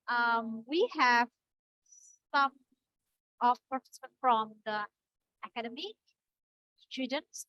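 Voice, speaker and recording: A woman with an Indonesian accent who helps organize the seminar, speaking in a friendly, halting way. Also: fairly high pitch, pushed and bright, poor audio. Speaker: academic organizer.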